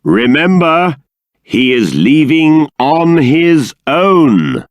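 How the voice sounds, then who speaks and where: An actor playing a stately, stern middle-aged king and exasperated father in a fantasy video game, speaking in a formal, deliberate, emphatic manner. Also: a little high, sing-song, dry recording, studio quality, full character voice. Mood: urging, authoritative. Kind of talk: theatrical fantasy game voice acting.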